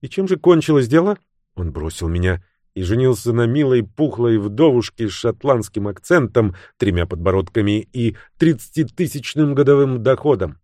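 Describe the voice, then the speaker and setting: A cool, sharp-tongued young woman with a mocking edge, as a male narrator puts her on. Her voice sits higher than his own and swings widely. The recording is close and dry. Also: animated, normal speed, no room sound, natural voice.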